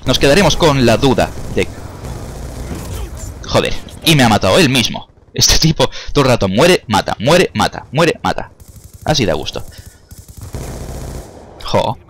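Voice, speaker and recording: Young man, casual gameplay commentary, chatty, cursing, mid pitch. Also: sing-song, unhurried, pauses often, a bit bright, slight background noise. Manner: chatty, swears at opponents, talks to viewers. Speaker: gaming YouTuber.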